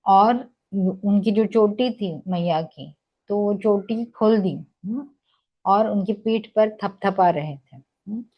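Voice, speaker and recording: A woman narrating a devotional children's story gently, with many pauses and hesitation sounds. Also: mid-range voice, lo-fi sound.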